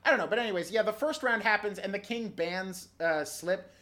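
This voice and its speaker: A woman co-hosting a casual anime recap podcast, animated and mock-indignant, laughing often and swearing freely. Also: mid-range voice, fairly quick. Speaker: podcast co-host.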